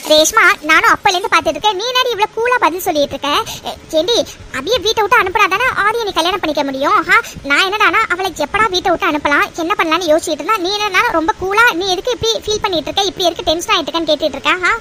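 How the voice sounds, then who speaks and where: Woman doing a scheming cartoon mom, super high bright voice, fast and naggy. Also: expressive, slight background noise, exaggerated voice. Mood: agitated. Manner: agitated, scolding, shrill. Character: scheming, fretful mother plotting against her daughter-in-law. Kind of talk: cartoon voice acting.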